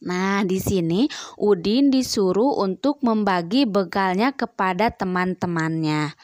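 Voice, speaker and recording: Slow patient woman teacher. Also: mid-range voice, darkish tone, no room sound, clean studio sound. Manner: slow, patient explaining with many teaching prompts. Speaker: primary school teacher. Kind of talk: recorded grammar lesson for young children.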